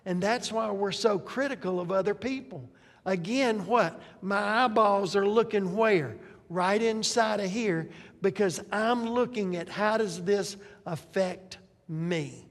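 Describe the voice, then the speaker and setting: A man's voice: sits high, measured pace. An older male pastor preaching a sermon, talking in a conversational way and throwing rhetorical questions at the congregation. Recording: long reverb of a large hall.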